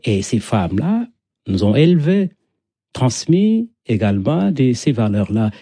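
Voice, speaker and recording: A middle-aged Senegalese man, a native Wolof speaker with a Senegalese accent, speaks reflectively as a storyteller being interviewed, using poetic, repetitive phrases. His medium-pitched voice is husky and dark in tone, sing-song and a little slow, with no echo.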